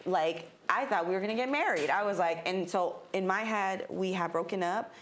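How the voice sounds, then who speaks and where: A woman's voice: medium pitch, normal speed, a bit bright, a little hiss or hum. A woman candidly telling a personal story in casual chat, swearing freely. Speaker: guest.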